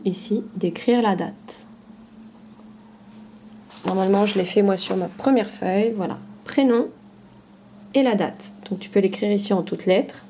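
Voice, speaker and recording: A woman teacher talking slowly and patiently to young children, spelling out each word syllable by syllable. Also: medium pitch, mellow, highs cut off, a little hiss or hum.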